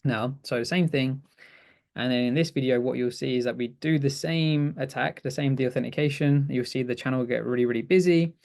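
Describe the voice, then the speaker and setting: A man's voice: medium pitch, fairly quick, creaky, darkish tone. Man, casual webinar explainer, self-correcting, laughs easily. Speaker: webinar co-presenter.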